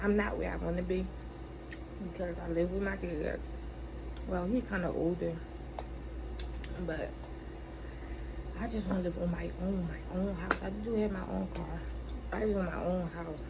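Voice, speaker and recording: An American woman chatting in a rambling, casual and confessional way, candid and blunt, with emphatic, profane phrasing and a gravelly voice. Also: fairly low pitch, steady tone, unhurried, pauses often. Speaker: vlogger. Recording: clearly noisy room ambience.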